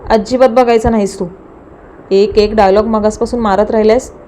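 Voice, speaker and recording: A woman's voice: medium pitch, fairly even intonation, moderate pace, warm tone, slight background noise, lightly acted. A woman voicing a strict young mother who firmly scolds her son. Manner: firm, scolding.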